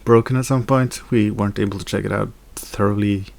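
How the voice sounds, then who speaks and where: A man's voice: lowish voice, steady tone, fairly quick, creaky. A young man chatting casually in a daily vlog, rambling with fillers and self-corrections. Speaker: video blogger.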